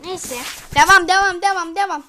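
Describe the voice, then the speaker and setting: High-pitched woman yelling at her game, repeats words over and over, chats to viewers like friends. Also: steady tone, moderate pace, a little hiss or hum. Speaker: gamer and channel host. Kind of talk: live gameplay commentary.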